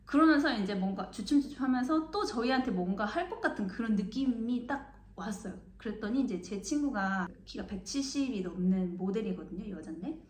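A woman's voice: on the high side, lively intonation, a little fast, hardly any pauses, darkish tone. A young woman from Mokpo, South Korea, telling a story in a casual vlog and acting out the people she quotes. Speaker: vlogger. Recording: echoey room.

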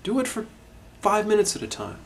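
A middle-aged man teaching a harmonica lesson, explaining in a calm, reflective way with frequent restarts. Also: sits high, fairly quick. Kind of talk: instructional video lesson.

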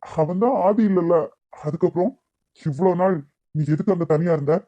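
Woman voicing a grieving old grandfather, Kanyakumari Tamil accent, reproachful, mellow dark tone, cartoon. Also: on the low side, normal speed, lo-fi sound, lightly acted. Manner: sorrowful, reproachful. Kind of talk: cartoon voice acting.

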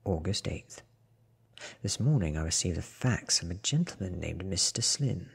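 A man in his thirties reads an audiobook as a soft-spoken, hushed ASMR piece, close to the microphone. His low-sitting voice is breathy and often near a whisper, slow and deliberate yet animated.

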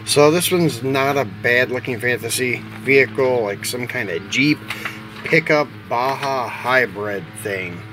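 Recorded at home on a phone or handheld camera mic, with obvious background noise and music playing, a middle-aged American toy car collector unboxes his haul. He talks in an unhurried, mid-range voice, keeping things informal and drifting into rambling asides.

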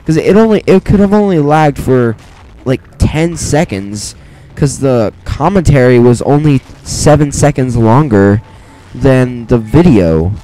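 Speaking into a weak microphone at close range, a teenage let's play commentator rambles through casual gameplay with plenty of fillers, restarts and self-deprecating jokes. His voice is medium-pitched and dark, and the audio quality is poor.

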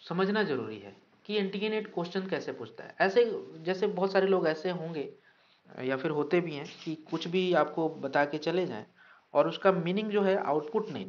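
A man's voice: high-pitched, muffled recording. Hindi-English mixing male teacher. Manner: addresses students as sir, reads names from the live chat; mixes Hindi and English, asks questions of the class. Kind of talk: online exam-prep lecture.

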